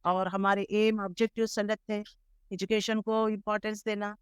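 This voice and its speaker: Woman, middle-aged, from Hyderabad, India, reflective interview guest, measured and earnest, crisp tone, dry room. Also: medium pitch, flat delivery, no room sound. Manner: measured, earnest storytelling with English words mixed in. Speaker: interview guest, Islamic scholar. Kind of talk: reflective life-story interview.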